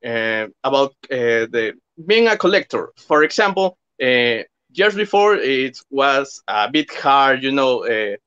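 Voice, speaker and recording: Lively man on slightly dull audio. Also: mid-range voice, slow pace, hardly any pauses, clear, resonant tone. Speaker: co-host. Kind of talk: casual live-stream hosting.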